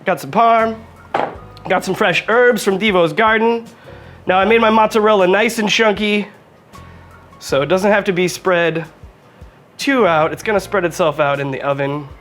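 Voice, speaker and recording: A man with a high-pitched voice hosts a casual cooking demonstration, talking straight to the viewer in a chatty, jokey way. Faint music plays quietly behind him. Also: normal speed, pauses often. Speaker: cooking show host.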